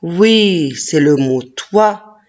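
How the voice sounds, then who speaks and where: A teacher leads a children's reading lesson at a very slow, drawn-out pace, splitting each word into syllables and counting its letters one by one. The voice stays at an even, middle pitch, with frequent encouraging praise. The recording sounds slightly dull and muffled.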